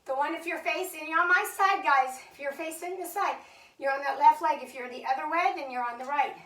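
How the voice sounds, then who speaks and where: A woman with a high, brisk and fairly bright voice cues a live Pilates chair class in a fitness studio, counting reps and encouraging the group. She sounds slightly out of breath, and the echoey studio is captured from a distance.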